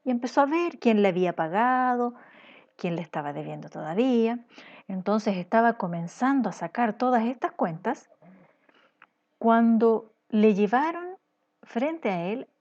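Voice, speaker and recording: A woman's voice: mid-range voice, lively intonation, a little slow, darkish tone, highs cut off. A woman teacher telling a parable to children in a patient, questioning storytelling style.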